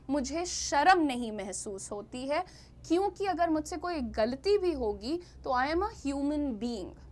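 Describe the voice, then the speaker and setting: High-pitched Indian woman teaching pronunciation. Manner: slow, drawn-out model words. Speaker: English teacher. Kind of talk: pronunciation lesson.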